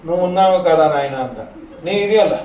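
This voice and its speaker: High-pitched guy doing a chatty religious talk with jokes, far off mic, bit of hiss. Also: normal speed, a little mellow. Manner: humorous, chatty, sings verses. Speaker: religious discourse speaker. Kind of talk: devotional discourse with storytelling. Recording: echoey hall, distant mic, faint noise.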